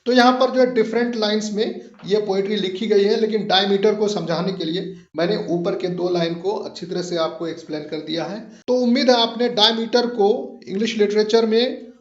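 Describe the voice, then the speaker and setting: A man's voice: high voice, moderate pace. A man explaining a literature lesson as a teacher, patiently repeating points and checking whether listeners follow. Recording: echoey, dull lo-fi room recording.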